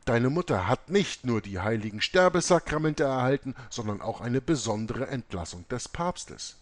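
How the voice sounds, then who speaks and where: A self-assured older priest, voiced by a male storyteller, speaks soothingly with broad rises and falls. He sounds calm and certain. The reading is close and dry. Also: medium pitch, moderate pace, dry recording, natural voice.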